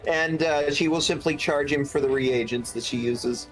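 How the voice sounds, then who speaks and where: A man's voice: on the high side, normal speed, faint music behind, low-quality recording. A man playing in a tabletop game, explaining his character's plans in a wry, easygoing way. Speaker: player. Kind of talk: casual tabletop play.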